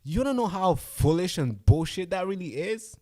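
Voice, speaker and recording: Animated swearing man ranting on a livestream. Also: high voice, moderate pace. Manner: animated, swearing, swings from mutters to loud outbursts. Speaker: livestream host. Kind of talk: casual livestream rant.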